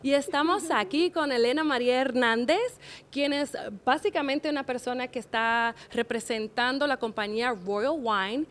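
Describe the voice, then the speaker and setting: A woman's voice: high voice, normal speed, background noise. A woman co-hosting a podcast, asking questions in an encouraging way. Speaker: podcast co-host. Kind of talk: interview conversation.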